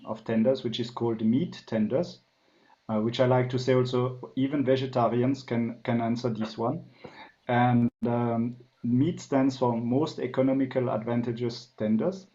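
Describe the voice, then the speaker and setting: This muffled recording features a medium-pitched, dark-toned man from France whose French accent carries a tinge from years spent in Germany. As a guest consultant on a business podcast interview, he explains things thoughtfully, leaning on plenty of "um"s.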